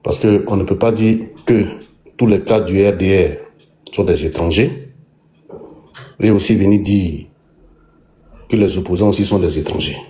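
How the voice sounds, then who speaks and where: A man on a live-streamed panel, posing a measured question. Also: low-pitched, dark tone.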